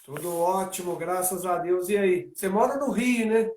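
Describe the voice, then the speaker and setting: A man's voice: high-pitched, fairly even intonation, moderate pace, a little mellow. A man hosting a live-stream interview, friendly and reading out lists, speaking over a video call. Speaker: interview host. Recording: echoey room.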